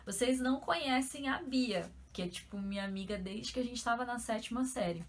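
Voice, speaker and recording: A young woman from São Paulo with a São Paulo accent, explaining things in a chatty, animated vlog style full of fillers. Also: a little high, brisk. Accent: São Paulo Portuguese. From São Paulo, Brazil. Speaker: YouTuber.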